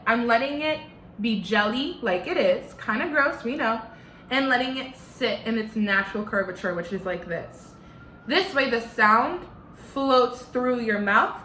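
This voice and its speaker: A woman's voice: a little high, animated, measured pace, bright, forceful tone, echoey room, a little hiss or hum. A young woman with a slight lisp teaching an online singing lesson from her living room, giving step-by-step instructions.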